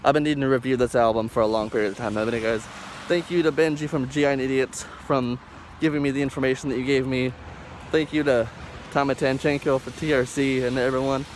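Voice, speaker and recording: A young man reviewing music in a rambling vlog, speaking loudly and emphatically through a face mask that muffles his words, recorded on a phone outdoors. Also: medium pitch, fairly even intonation, quick pace, slight background noise. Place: outdoors in a parking lot. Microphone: phone held close at arm's length.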